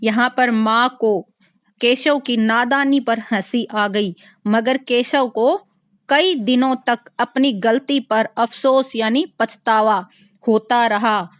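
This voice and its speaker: A woman's voice: fairly high pitch, slow pace, dry recording. A woman teacher explaining a textbook story to children, retelling each line in simpler words and addressing them directly. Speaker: school teacher.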